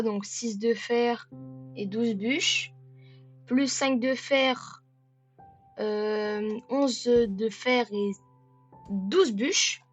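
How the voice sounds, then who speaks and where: A woman giving let's-play commentary in a joking way. She stammers and repeats words, and bursts into shouts at the game. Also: on the high side, muffled recording. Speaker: gaming video creator.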